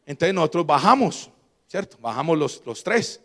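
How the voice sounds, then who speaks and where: A Colombian man preaching a sermon as a guest pastor, emphatic and swinging between loud and quiet, throwing call-and-response questions to the congregation. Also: fairly high pitch, very animated, normal speed, big-room sound.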